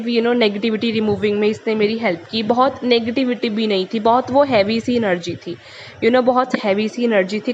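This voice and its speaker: A young woman hosting her own channel, talking in a relaxed, chatty way about a mantra, with lots of casual English fillers. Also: on the high side. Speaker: tarot channel host. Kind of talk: casual spiritual talk. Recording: muffled lo-fi recording with faint hiss.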